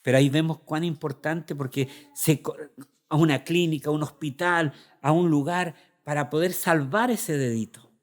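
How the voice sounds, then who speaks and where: Chilean pastor guy preaching, kinda high voice for a man, earnest and personal, acts out his prayers. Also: normal speed. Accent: Chilean Spanish. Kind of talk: sermon.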